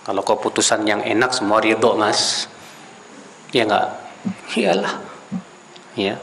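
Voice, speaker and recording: Man, Islamic preacher, conversational lecture, gravelly voice, rhetorical questions to the audience, Arabic phrases with translations. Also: lowish voice, flat delivery, slow pace, a bit bright, slight background noise. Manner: addresses listeners directly as sir and brother. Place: Islamic study gathering.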